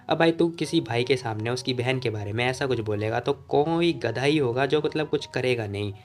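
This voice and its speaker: A man narrating a comic story recap in a chatty, informal voice-over, talking to the listener like a friend. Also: medium pitch.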